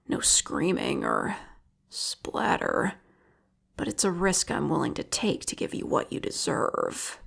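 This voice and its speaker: This intimate audio roleplay has a woman as a lovesick, obsessive female vigilante who kills. She uses a full character voice, fairly low, whispery and gravelly, drawn out slowly with taunting menace.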